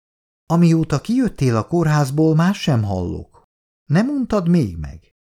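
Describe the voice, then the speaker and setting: A man voicing a tired, frightened mother who defends her son. The voice is raised well above the reader's own low register and keeps a rough, gravelly grain. It sounds pleading and reproachful. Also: sing-song, mellow. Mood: desperate.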